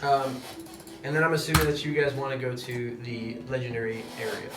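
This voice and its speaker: A man acts as game master, improvising his explanations in a halting, thinking-aloud way. His mid-pitched voice sits away from the microphone in a reverberant room, with music clearly behind it. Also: flat delivery, far from the mic. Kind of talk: unscripted tabletop game narration.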